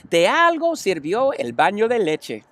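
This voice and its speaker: A man's voice: sits high, huge pitch swings, slow, a bit bright, no room sound, voice pushed up, heavily acted. A man doing a down-to-earth farm lady from a storybook, no-nonsense tone. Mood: practical. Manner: practical, matter-of-fact. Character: practical down-to-earth farm wife.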